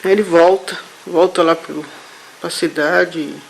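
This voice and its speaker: Hesitant higher-voiced man. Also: fairly even intonation, creaky, husky, low-quality recording. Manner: halting, hesitant, full of restarts. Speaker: therapy client. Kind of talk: recounting a regression vision.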